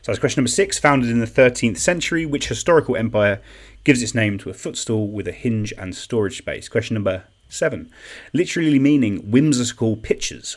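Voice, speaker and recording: A young man hosting an online quiz in a chatty, self-deprecating way, reading out comments and repeating each question. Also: fairly low pitch. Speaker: quiz host. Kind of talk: casual live-stream quiz hosting.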